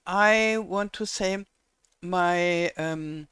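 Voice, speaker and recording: Speaking very slowly in a lowish, smooth, fairly bright voice with no echo, an older German woman narrates a casual game tutorial in accented English, German being her native tongue. She guides viewers patiently one step at a time, with frequent small hesitations.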